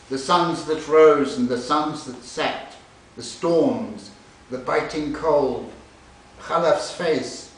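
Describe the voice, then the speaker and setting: A literary translator with a fairly high-pitched voice introduces and reads part of a novel at a live library event. The recorder was placed at a distance, leaving the room sounding echoey and hissy.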